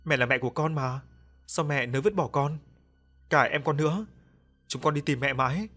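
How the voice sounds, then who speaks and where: A man voicing a pleading, vengeful ghost boy in an audio ghost story, wailing loudly. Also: on the high side, normal speed, faint music behind. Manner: wailing, heightened and loud.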